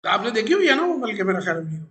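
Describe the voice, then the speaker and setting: Bright, high-voiced man explaining eagerly. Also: very animated, rapid-fire. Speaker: stock market educator host. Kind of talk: casual explanatory interview talk.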